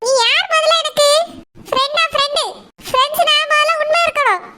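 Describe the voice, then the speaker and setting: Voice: extremely high pitch, fairly even intonation, a little fast. A voice actor doing a scornful, short-tempered cartoon husband. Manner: curt, scolding. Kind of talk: cartoon voice acting. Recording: loud background noise.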